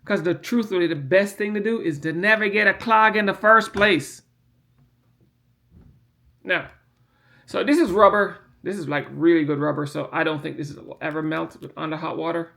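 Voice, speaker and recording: His voice is a little high, creaky yet bright, with a forceful tone at normal speed. A hobbyist handling a printer part, he gives a casual hands-on repair demonstration, rambling and repeating himself while stressing key points, and yawning due to medication.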